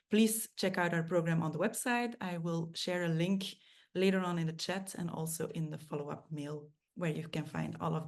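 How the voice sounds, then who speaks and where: Woman host, low register, introducing speaker on a video call. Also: a little mellow. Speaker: host, project manager. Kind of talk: online lunch talk introduction.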